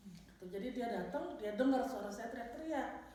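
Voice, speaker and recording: A woman's voice: fairly high pitch, moderate pace. Woman telling a story in an echoey room. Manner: animated storytelling, switching into English phrases. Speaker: church member giving a testimony. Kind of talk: personal testimony at a Bible study. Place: large echoey room at a church Bible study. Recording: echoey room, distant mic, faint noise.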